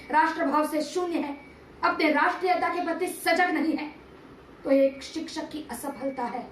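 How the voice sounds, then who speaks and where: Her high, fairly bright voice carries a solemn, declamatory monologue from a TV serial, in which she, an amateur performer, portrays a stern, patriotic male teacher-statesman of ancient India using formal diction. The roomy recording, from a distant mic, has faint background noise.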